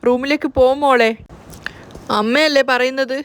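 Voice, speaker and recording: A woman voicing a worried young adult brother who gently coaxes his sister and mother. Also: high voice, steady tone, moderate pace, smooth, lightly acted. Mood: concerned. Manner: gentle, concerned coaxing.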